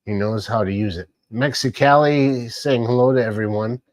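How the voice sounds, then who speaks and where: A man's voice: medium pitch, moderate pace, a little mellow, no echo. A man casually hosting a live stream, rambling along and greeting chat viewers by name. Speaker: livestream host.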